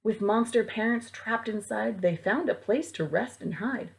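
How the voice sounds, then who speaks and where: Reading aloud to kids as a library storytime reader, a woman delivers a rhyming picture book with theatrical, deliberate flair. Her voice sits on the high side and has a creaky quality.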